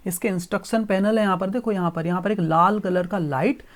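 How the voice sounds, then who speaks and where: A woman's voice: mid-range voice, steady tone, brisk. A woman teacher goes through a story phrase by phrase, translating and asking questions back to students. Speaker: English teacher. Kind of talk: explaining a story line by line in a lesson.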